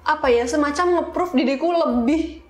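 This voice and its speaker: Speaking high and at a moderate clip, a young woman recounts stories in a relaxed, chatty way as a guest being interviewed. She works as an iOS developer and peppers her slang with English words. The room sounds echoey.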